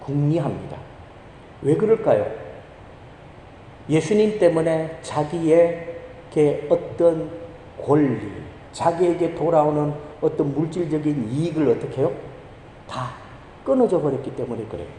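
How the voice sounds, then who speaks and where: A male pastor preaches in a high, lively voice that swoops up and down, with a mellow, warm tone. He throws question after question at the congregation and then answers them. The sound carries a heavy, long church reverb. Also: slight background noise. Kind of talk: sermon. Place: church sanctuary.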